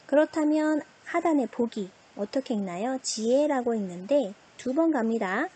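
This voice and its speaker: A woman teaching an online Chinese pronunciation lesson, drawing out example words slowly and asking and answering her own questions. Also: fairly high pitch, expressive, warm tone, breathy edge.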